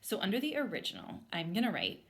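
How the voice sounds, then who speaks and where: A woman speaking as an elementary teacher reads a storybook aloud and explains a lesson to children step by step. Her mid-range voice has huge pitch swings, and she talks at a quick pace.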